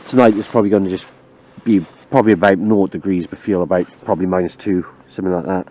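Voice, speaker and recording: A man's voice: low-pitched, fairly even intonation, quick pace, warm tone, muffled recording. A man with a South Wales Valleys accent chatting casually and jokily to a handheld camera outdoors. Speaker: camper filming an outdoor vlog. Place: outdoors at a woodland campsite.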